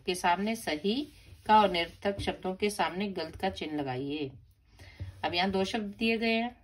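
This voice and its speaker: A woman teaching a grammar lesson to young children, patiently spelling out words syllable by syllable. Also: fairly low pitch. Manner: repeats and stresses each word for children. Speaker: primary school teacher.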